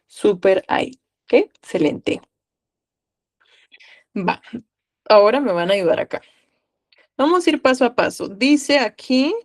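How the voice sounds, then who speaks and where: A woman from Guatemala with a Guatemalan accent, tutoring a live online class and coaxing students with questions. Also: medium pitch.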